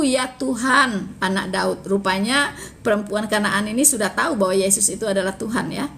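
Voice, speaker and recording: A woman giving casual Bible commentary to her viewers, reading verses slowly and then explaining them in everyday, chatty speech. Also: medium pitch, fairly bright tone, slight background noise. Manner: chatty, fills phrases with "ya" and "gitu".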